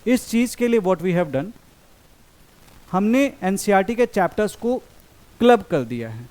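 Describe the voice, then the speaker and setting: A young man leads an exam strategy lesson that mixes Hindi and English. His voice sits high for a man. He reads exam statements out slowly and deliberately, then moves briskly through his explanations. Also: very animated, darkish tone. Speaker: exam coaching teacher.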